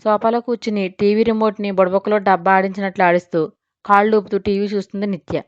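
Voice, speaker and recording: A woman narrating a story in a lively, expressive way. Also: medium pitch, quick pace, no echo. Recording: dull dry lo-fi sound.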